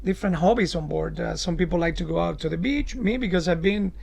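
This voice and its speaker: A man answering interview questions as a cruise director, explaining things emphatically in deliberate phrases. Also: high voice, creaky, a little mellow.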